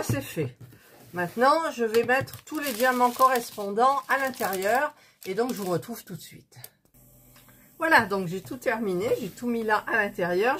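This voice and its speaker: Slow, chatty French-speaking woman crafting. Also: mid-range voice, a bit bright, husky. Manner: chatty, thinks aloud with many hesitations, counts items aloud. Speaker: crafting video host. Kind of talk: casual chat while doing a diamond-painting craft.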